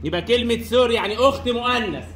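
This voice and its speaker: A high-pitched man with an Egyptian Arabic accent runs a classroom lesson, repeating every question and answer as he quizzes students. His voice rings around an echoey room. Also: rapid-fire, fairly bright tone. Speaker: French teacher.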